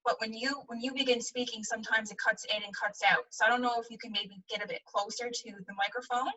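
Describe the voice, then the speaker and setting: A fairly high, bright woman's voice comes through a conference call line, breathy and set back from the microphone. She speaks politely and plainly as the session's moderator, apologetic but to the point. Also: steady tone, fast. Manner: polite, apologetic, matter-of-fact. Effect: heard over a conference call line. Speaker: webinar moderator. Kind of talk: brief technical note to the panel. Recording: distant, thin conference-call audio.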